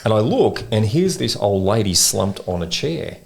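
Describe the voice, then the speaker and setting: A man with an Australian accent telling a long story in a rambling, animated way, full of slang, as a podcast co-host. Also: on the low side, normal speed, creaky, breathy edge. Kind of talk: casual storytelling chat. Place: in-person podcast recording.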